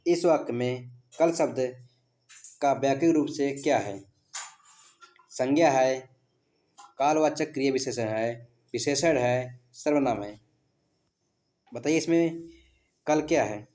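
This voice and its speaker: A man's voice: medium pitch, slow, long pauses, warm tone. A man teaching an exam practice lesson, reading out each question and its options, then giving the answer and repeating key words as a question. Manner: quizzing, reads options then gives answers.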